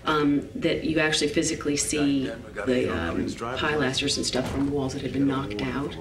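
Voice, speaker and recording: A woman in her forties gives a behind-the-scenes interview on an indoor studio set, describing it at an unhurried, searching pace. Her voice sits a little back from the mic. The large interior adds a roomy echo around her. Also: rumbling low, fairly even intonation, far from the mic, over a noisy crowd. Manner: thoughtful, descriptive, pauses to find words. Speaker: set designer.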